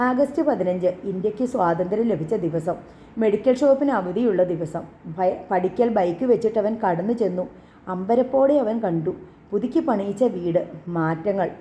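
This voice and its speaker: A woman narrates an audiobook in a measured, dramatic way. Her voice has a mellow, dark tone. The audio is dull and lo-fi. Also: mid-range voice, reverberant, a little hiss or hum. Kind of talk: scripted narration.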